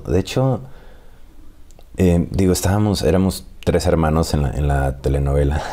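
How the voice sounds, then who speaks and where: A Mexican man in his thirties, an actor telling animated stories and laughing often in a casual interview. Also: extremely low pitch. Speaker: actor guest.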